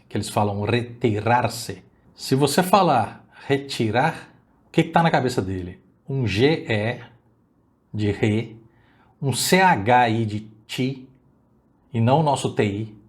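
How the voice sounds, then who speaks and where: Brief: male language teacher, native Portuguese speaker, patient recorded lesson, stretches out example words slowly. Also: mid-range voice, darkish tone. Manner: slow, drawn-out model pronunciations of Spanish words. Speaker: Spanish teacher.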